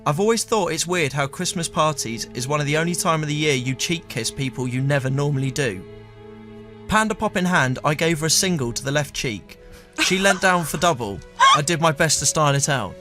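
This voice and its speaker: A man hosting a comedy podcast, telling a funny personal story in a dry, deadpan way and stumbling a little when teased. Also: on the high side, brisk, soft background music. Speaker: storyteller host. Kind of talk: comic storytelling with banter.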